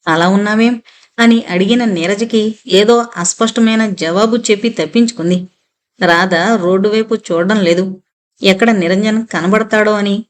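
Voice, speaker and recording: A woman reads a long novel aloud for an audiobook. Her voice sits at a middle pitch, and her storytelling stays steady. She voices every character plainly in her own voice. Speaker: audiobook narrator.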